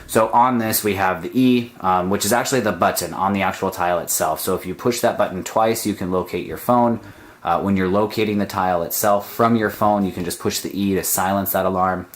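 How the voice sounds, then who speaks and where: Deep-voiced man demoing a gadget. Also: fairly quick. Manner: explanatory, filler-heavy, chatty. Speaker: product reviewer. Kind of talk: casual product demo. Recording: echoey room.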